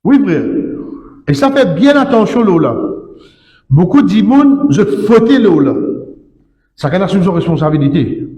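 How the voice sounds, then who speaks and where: A man's voice: high-pitched, sing-song, measured pace, pauses often, mellow. A man giving an Islamic sermon as imam, emphatic and repetitive, with frequent tag words. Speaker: imam preacher. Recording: echoey hall with long reverb.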